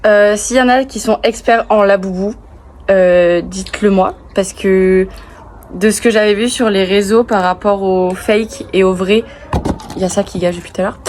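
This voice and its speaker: A woman's voice: medium pitch, fairly even intonation, moderate pace, darkish tone. A young adult woman chatting casually to camera in a bubbly, gushing way full of slang. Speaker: vlogger. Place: outdoors near passing cars. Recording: outdoor recording with clear traffic noise.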